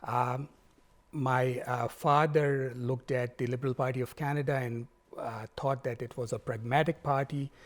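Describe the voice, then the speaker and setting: A man speaks as a guest candidate. His delivery is measured and formal, and he tells his story steadily at a middle pitch. He answers questions in a plain, unhurried interview manner. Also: fairly even intonation. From Pakistan.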